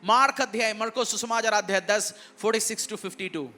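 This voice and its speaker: Male pastor, very high sharp voice, fervent emphatic sermon delivery. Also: quick pace, faint music behind. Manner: fervent, emphatic preaching mixing in English words.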